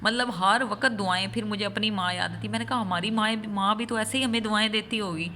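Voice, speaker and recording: A woman's voice: mid-range voice, steady tone, pushed and bright, a little hiss or hum. A mother talking earnestly to her vlog audience, stressing her points with long runs of repeated phrases. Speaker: vlogger and mother. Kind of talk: heartfelt vlog monologue.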